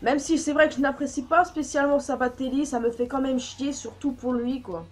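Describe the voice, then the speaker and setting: Woman, high voice, blunt casual vlogger giving her opinions, light swearing, faint music under. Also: fairly even intonation, a little fast. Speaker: YouTuber. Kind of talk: casual news commentary vlog.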